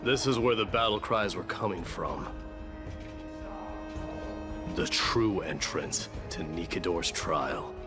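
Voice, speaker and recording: Low-voiced, haughty warrior prince. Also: male voice. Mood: grim, composed. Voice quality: low-pitched. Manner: haughty, blunt, measured. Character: proud, stern exiled warrior prince, cursed with immortality. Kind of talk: dramatic video game voice acting. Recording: game music behind voice.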